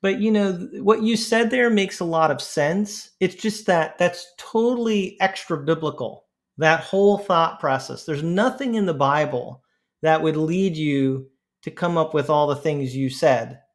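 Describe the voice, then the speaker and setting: A man's voice: on the high side, measured pace. A man co-hosting a casual discussion, thinking aloud earnestly as he makes his point. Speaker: podcast co-host.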